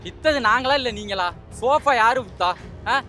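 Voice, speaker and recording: A man with a very high, bright voice fires back defiantly in a street interview. Traffic and faint music are heard around him. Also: expressive, normal speed. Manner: defiant, combative. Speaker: party supporter.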